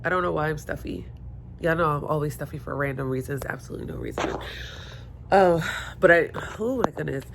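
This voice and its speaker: Gravelly and low, with big pitch swings and a fairly quick pace, a woman rambles to her phone in a casual home vlog by the windows. Stuffy and hungover, she's chatty and self-mocking, the phone held or propped, and the background is noisy.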